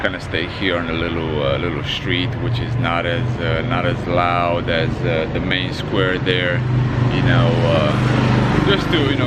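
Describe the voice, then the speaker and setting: A man from Romania talking casually to camera as a travel vlogger, rambling with lots of fillers and restarts, outdoors on a town street. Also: low voice. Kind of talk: casual travel vlog talk. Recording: loud street noise outdoors. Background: street traffic and town noise.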